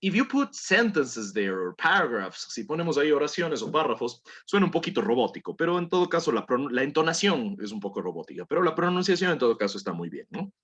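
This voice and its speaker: A man's voice: mid-range voice, big pitch swings, brisk, few pauses, fairly bright tone, husky. A man teaching a language class, patiently coaxing students through pronunciation drills and repeating words for them to copy. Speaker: English teacher.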